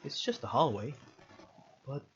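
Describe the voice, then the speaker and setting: In a let's play of a visual novel, a man reads the story text out loud, then interrupts himself with sweary jokes. He's a gaming video host with a husky, sing-song, mid-range voice and an unhurried pace, captured on dull audio.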